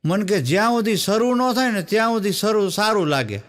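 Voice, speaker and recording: A stand-up comedian who tells folk stories and acts out the people in them, throwing quick asides to the audience. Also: male voice, high voice, animated. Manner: storytelling in quoted voices, with the audience laughing along; tosses quick asides to the crowd. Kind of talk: Gujarati folk comedy storytelling on stage.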